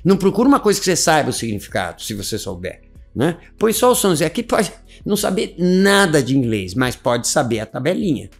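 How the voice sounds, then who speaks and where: A man teaching a casual video lesson, animated and repetitive, checking in often with his listeners. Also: fairly high pitch, brisk, creaky, soft background music. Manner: animated, repeats words, frequent "tá?" check-ins. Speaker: English teacher.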